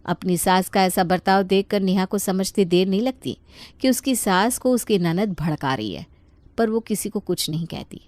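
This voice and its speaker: Woman telling a cartoon story, steady, mid pitch, dry close mic. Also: normal speed, no room sound. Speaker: narrator. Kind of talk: scripted storytelling narration.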